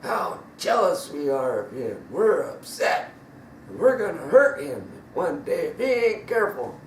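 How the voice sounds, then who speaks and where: A man voicing a group of jealous, resentful brothers, raising his voice and shouting in an echoey room. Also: fairly high pitch, measured pace, distant mic, a little hiss or hum. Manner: raised, excited shouting.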